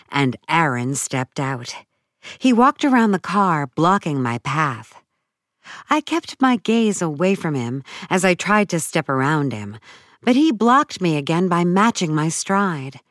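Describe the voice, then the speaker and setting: A woman narrating a first-person audiobook story in a measured, dramatic way. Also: sits low, sing-song, no room sound, clean studio sound.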